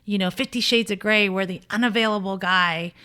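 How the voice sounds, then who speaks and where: A woman with a medium-pitched, fairly even voice talks briskly, her tone sharp and clean. She's a dating coach and show host offering conversational relationship commentary that is emphatic, opinionated and blunt.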